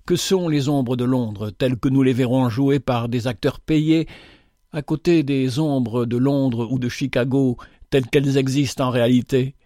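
Man doing a soft calm young woman, quiet and earnest, dry sound. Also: medium pitch, moderate pace, no echo, natural voice. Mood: gentle.

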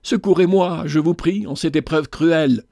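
A man's voice: fairly high pitch, animated, normal speed, a little mellow, dry recording, studio quality. A man doing a frightened pleading young woman. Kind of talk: storybook reading.

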